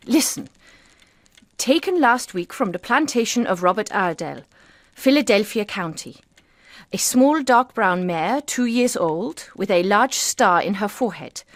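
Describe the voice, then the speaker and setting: In a period radio drama, an actress with a mid-range voice plays a kindly eighteenth-century farmer's wife who is anxious. Her lines come out polite and earnest.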